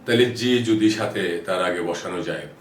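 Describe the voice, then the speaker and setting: A man's voice: sits low, brisk. A man explaining how English letters are pronounced, patiently repeating example words. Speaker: English teacher. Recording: roomy echo, distant mic, faint noise.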